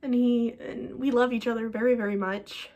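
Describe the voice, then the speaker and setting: A woman's voice: fairly high pitch, fairly even intonation, moderate pace, darkish tone. Emotional young woman vlogging. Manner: emotional, rambling, with many fillers. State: teary-eyed. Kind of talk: personal vlog talking to camera.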